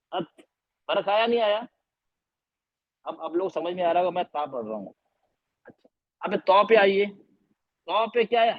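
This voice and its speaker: Over a video call, a Quran recitation teacher with a high-sitting voice sounds out letters repeatedly and tests his students with questions. The recording is dry, with the dull, lo-fi quality typical of online calls.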